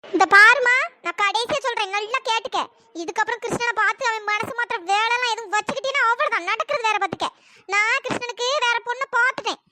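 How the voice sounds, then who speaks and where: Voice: very high-pitched, steady tone, quick pace, pushed and bright, slight background noise, heavily acted. A performer voicing a scornful, bossy middle-aged mother-in-law in a cartoon story. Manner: sneering, bossy.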